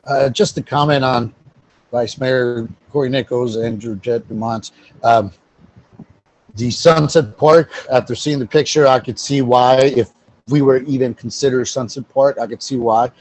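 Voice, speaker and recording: A man's voice: medium pitch, steady tone, unhurried, darkish tone, rough recording. Jokey man making council comments. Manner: casual, jokey. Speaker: council member. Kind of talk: council meeting discussion.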